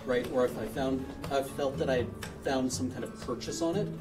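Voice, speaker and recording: In an indoor livestream studio with background music, a man hosting a charity stream reads out viewer messages and offers casual, off-the-cuff advice, frequently searching for his words. His mid-range voice moves fairly quickly into a handheld-style microphone held close at the desk.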